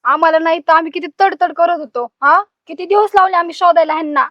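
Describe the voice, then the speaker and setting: A woman's voice: extremely high pitch, fast talker, no echo. A woman playing an indignant young relative who urges the old father to leave with them. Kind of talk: village family drama acting. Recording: dull, dry sound.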